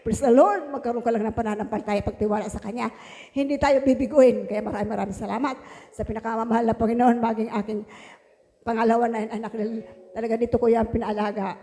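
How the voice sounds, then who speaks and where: A woman's voice: a little high, steady tone, fast talker, mellow. A woman giving a fervent religious testimony in church, often breaking into exclamations of praise. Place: church hall. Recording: long hall reverb.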